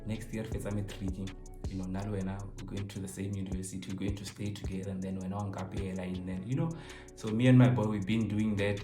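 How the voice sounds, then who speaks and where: A South African man in his twenties, a YouTuber answering viewer questions, chats casually and jokingly to camera while switching between languages. His voice is fairly low, level and dark, and he talks at a quick pace. The recording has a roomy echo with faint music behind.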